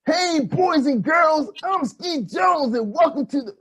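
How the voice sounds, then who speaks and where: A man voicing an excitable boyish puppet who hosts a kids' show like an overbright party host, with a husky voice and hyped, exclamatory delivery. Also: very high-pitched, slow, exaggerated voice. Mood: overbright, excited. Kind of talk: children's puppet show presenting.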